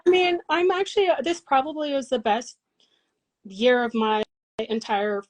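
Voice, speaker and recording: A woman's voice: high voice, fairly even intonation, moderate pace, a little mellow, poor audio. A woman in her forties from Colorado, a massage therapist and business owner, talking in a casual interview in an earnest, reflective way with many fillers and restarts. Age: 40s.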